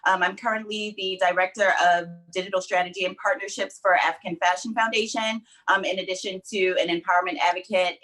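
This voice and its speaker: A woman's voice: fairly low pitch, fairly bright tone, rough recording. A woman hosting an online panel in an upbeat, polite manner. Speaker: panel host.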